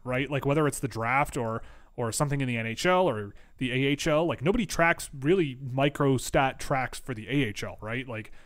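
A man's voice: medium pitch, fairly bright tone. A man answering viewer questions about hockey prospects in a casual livestream, rambling with lots of fillers and restarts, his voice wearing out. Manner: rambling, self-interrupting, filler-heavy. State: losing his voice.

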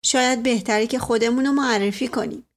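Storybook figure: calm, gently mysterious fifty-something man, read by a woman, slightly raised pitch. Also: lightly acted. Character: kindly, mysterious man in his fifties.

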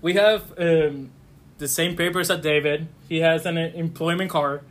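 Halting, slightly high-voiced man. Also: steady tone. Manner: halting, with restarts, laughs along. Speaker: podcast co-host. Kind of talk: casual podcast chat.

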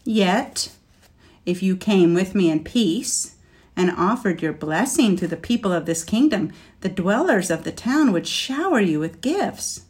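A woman's voice: lively intonation, measured pace, darkish tone, natural voice. A woman voicing an earnest young knight. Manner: earnest, pleading, raised pitch. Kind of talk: storybook reading.

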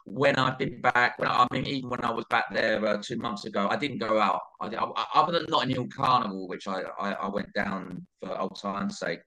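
A man's voice: on the low side, brisk, hardly any pauses, pushed and bright, rough recording. A middle-aged man with an Essex accent, chatting casually as an interview guest, rambling and repeating his phrases as he goes. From Essex, England.

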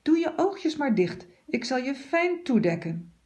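Lady putting on a high sugary little girl, bossy n coaxing. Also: big pitch swings, measured pace, a little mellow. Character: bossy sweet little girl playing nurse.

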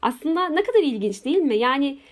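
A woman's voice: sits high, animated, fast. A woman hosting a casual conversation, musing thoughtfully and asking questions. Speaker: host.

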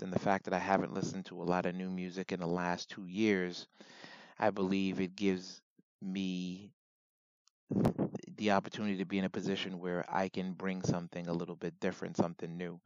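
A man with a raspy, gravelly voice giving informal solo commentary as a host, in a measured, reflective way with deliberate pauses. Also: deep voice, flat delivery, no room sound, muffled recording.

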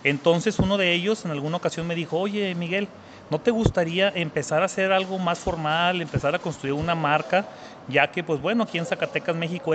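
A man's voice: fairly high pitch, fairly bright tone, slight background noise. A Mexican man in his thirties, answering interview questions earnestly, often repeating words for emphasis. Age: 30s. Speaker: guest entrepreneur.

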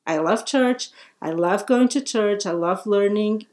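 A woman's voice: mid-range voice, unhurried, a little mellow. A woman from Brazil, speaking as a podcast guest in friendly, simple phrasing with frequent laughs. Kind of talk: casual interview talk.

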